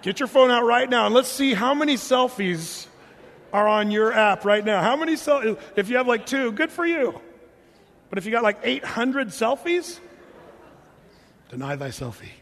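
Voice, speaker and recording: A man giving a sermon as pastor, talking in a loose, animated way with restarts and asides. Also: very high-pitched, moderate pace, big-room sound.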